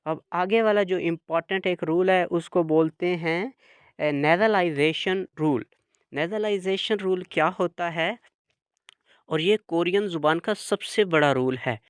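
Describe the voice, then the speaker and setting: A man teaching a language lesson, slowly explaining rules and repeating each example word. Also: high voice, smooth, no room sound, clean studio sound. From Pakistan. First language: Urdu. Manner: spells out and repeats example words.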